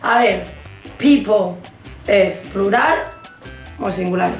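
A woman's voice: medium pitch, slow pace, echoey room, faint music behind. A woman, explaining English mistakes in a casual co-hosted lesson, teasing her partner. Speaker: co-host teaching English.

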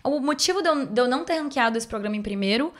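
A woman's voice: a little high, expressive, very fast. A young adult woman, telling her story informally in an interview and sprinkling in English medical terms. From Bahia, Brazil. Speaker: podcast guest, doctor.

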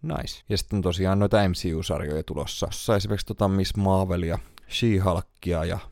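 A man's voice: sits low, vocal fry, a little mellow, no room sound, studio quality. A man hosting a solo podcast, chatting casually and thinking aloud as he goes through a list. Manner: thinks aloud, browsing lists, many fillers. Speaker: podcast host.

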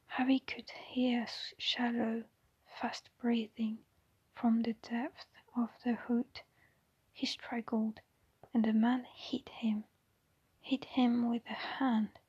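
A woman reading a story aloud in a soft, unvoiced whisper, slow and hushed, with the odd small restart. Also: fairly high pitch, breathy edge. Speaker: reader. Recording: dull lo-fi recording.

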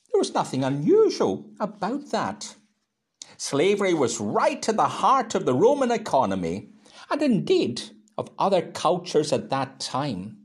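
Older male minister, sermon delivery, unhurried, very animated intonation. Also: breathy edge. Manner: slow, gentle storytelling with wide pitch swings. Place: church.

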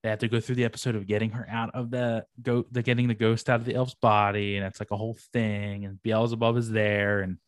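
A man's voice: on the low side, little pitch movement, quick pace, few pauses, no room sound, clean studio sound. A young man co-hosting a podcast, chatting casually and animatedly with lots of slang and casual swearing. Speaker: podcast co-host. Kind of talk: casual chat reviewing anime.

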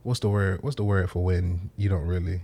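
A man's voice: low-pitched, steady tone, fairly quick, warm tone, slightly rough. A man hosts a casual podcast chat. He rambles loosely, restarts his sentences and laughs often. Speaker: podcast host. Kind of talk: casual conversation.

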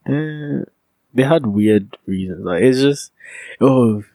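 A man chats on a podcast in a laid-back, skeptical way, often breaking into laughter. His voice sits in a middle pitch. The sound is close and dry, with no room behind it. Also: expressive, slow pace, dark tone, no echo. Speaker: podcast co-host. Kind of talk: casual chat.

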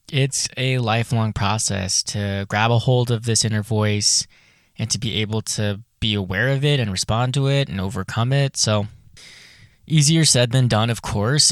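A man talks candidly as a solo podcast host, informal and chatty. His voice is fairly low and smooth, and the sound is very dry, as in a small closet hung with clothes. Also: no room sound.

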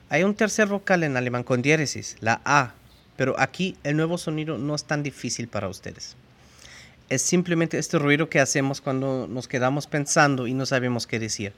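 With an expressive, fairly bright mid-range voice, a man explains pronunciation to learners. He demonstrates the sounds and spelling slowly and with care.

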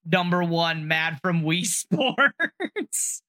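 A man's voice: a little high, big pitch swings, drawn-out words, sharp tone. A young man co-hosting a podcast in casual chat, crude and profane, often breaking into laughter. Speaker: podcast co-host.

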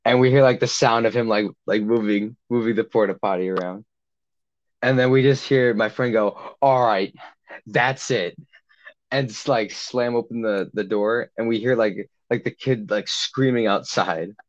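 A young man spins a long camp story in a loose, rambling way, filling every gap with "like" and slipping into the voices of the people in it. His voice sits low, and the recording sounds a little dull and lo-fi. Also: normal speed. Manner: rambling, heavy use of "like", acts out quotes. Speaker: podcast co-host. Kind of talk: casual storytelling chat.

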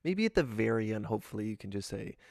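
Gravelly low-voiced laid-back man. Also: very animated, fast, a little mellow, no room sound, clean studio sound. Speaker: podcast co-host. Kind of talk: casual podcast discussion.

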